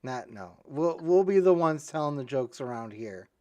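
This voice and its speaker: A man's voice: expressive, moderate pace, warm tone, muffled recording. A man hosting a podcast, telling a long joke in a rambling way, with restarts. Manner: rambling storyteller, restarts, jumps to high voices for punchlines. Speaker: podcast host.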